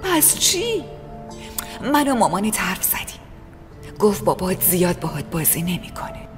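A young woman coaxes a frightened child with make-believe, voiced by a woman in a dubbed drama. Her pitch leaps and bounces playfully. The room rings with reverb and loud music. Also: very animated, lightly acted. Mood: playful coaxing. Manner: playful, coaxing, childlike storytelling. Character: young woman calming a kidnapped child with a game.

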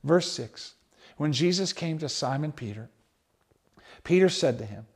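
A male pastor, preaching a sermon in an animated, conversational way, often restarting his sentences. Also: fairly high pitch, normal speed, breathy edge.

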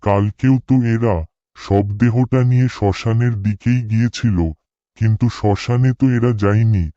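In a horror cartoon, a man gives voice to a village cremation-ground worker who is dutiful and earnest, delivering lines and thoughts in a puzzled, uneasy way. His tone is dark and steady, on the low side, at normal speed and near an everyday voice, recorded with no room sound and dull quality.

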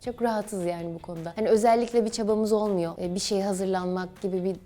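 A young actress answering interview questions in a studio, in a lively, chatty and upbeat way. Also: female voice, medium pitch, fast. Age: young adult.

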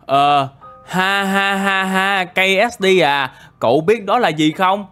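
A man's voice: a little high, animated, unhurried, a bit bright, faint music behind. A man doing a smug prankster villager. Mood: taunting. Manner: smug, taunting laughter. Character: mocking prankster male villager.

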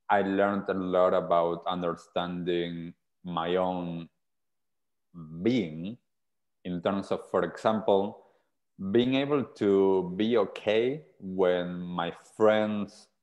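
Low-voiced man from Argentina, earnest storytelling. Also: darkish tone, highs cut off. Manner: earnest, reflective, gestures while talking. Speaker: podcast guest. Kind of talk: casual interview storytelling. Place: small indoor room. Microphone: earphone headset on a video call.

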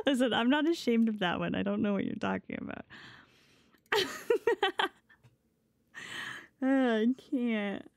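A woman's voice: fairly high pitch, huge pitch swings, slow, creaky, pauses often, no echo. A woman streaming casually as a VTuber, talking in a playful, giggly gamer-girl way with swearing, close on the mic. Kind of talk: casual live stream chat.

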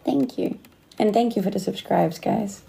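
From Denmark and in her late twenties, this woman hosts a livestream on her phone, holding it close as she chats casually, reads comments and laughs often in an indoor room. A slight Australian accent colors her medium-pitched, gravelly, mellow voice, which moves at a moderate pace.

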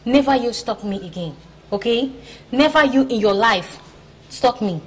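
A woman's voice: on the high side, expressive, normal speed, lightly acted. An actress playing a curt young female student who firmly scolds and rejects an unwanted suitor. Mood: stern. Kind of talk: comic film acting.

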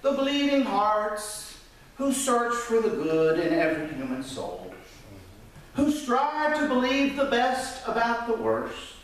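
Preaching slowly from the pulpit of a church sanctuary, a pastor in his fifties gestures animatedly and lets his voice swing widely between high and low. It was filmed from the pews using a pulpit mic, so the church sounds echoey and distant.

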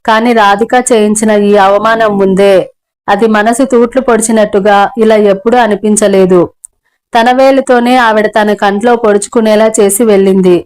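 A woman reads a novel aloud for an audio channel. Her narration is steady and even, in a mid-pitched voice. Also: rough recording. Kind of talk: scripted narration.

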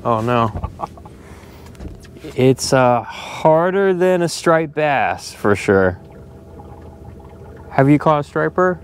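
A man chatting excitedly while fishing outdoors on a boat, cheering his catches. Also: a little high, takes it slowly, long pauses, slight background noise. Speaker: angler and channel host. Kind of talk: casual chat while fishing.

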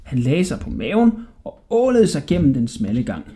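Man, bedtime story narration, lively melodic voice, slightly high. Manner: expressive, storytelling. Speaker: audiobook reader.

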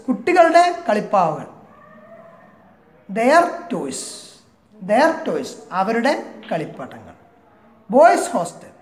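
A man from Kerala teaching an English grammar lesson. He reads example sentences slowly, explains them at length and keeps checking with short "eh?" prompts. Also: very high voice, echoey room. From Kerala, India.

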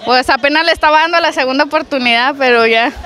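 A woman's voice: sits high, fast talker, bright, forceful tone, a little hiss or hum. A young woman with a Mexican Spanish accent, a contestant at an outdoor market, teasing her partner playfully. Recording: outdoor market with crowd and music.

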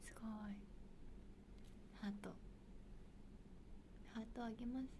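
A young woman with a Kansai accent hosting a casual livestream, chatting brightly and answering viewer comments, often dropping into soft, near-whispered asides. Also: fairly high pitch, fairly even intonation, a little slow, noisy background. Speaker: idol livestream host.

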